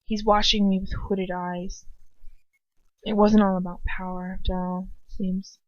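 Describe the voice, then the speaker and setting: Reading fan fiction as an amateur, a woman speaks at a measured pace in a level, mid-range voice. The home recording is dry, dull and lo-fi, and her first-person narration stays informal as she keeps breaking off for casual asides.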